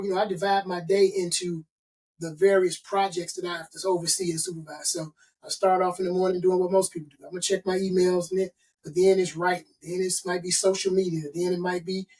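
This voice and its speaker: The audio is low quality with a distant mic, carrying a high, slightly mellow male voice. He's a middle-aged consultant and author from Chicago being interviewed, speaking emphatically and motivationally and stacking points into lists.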